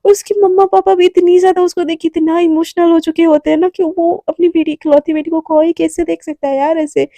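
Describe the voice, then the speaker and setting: A woman's voice: extremely high pitch, level tone, fairly quick, hardly any pauses, warm tone, no echo. Chatty woman telling a love story. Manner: chatty, addresses listeners with asides. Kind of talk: casual spoken storytelling.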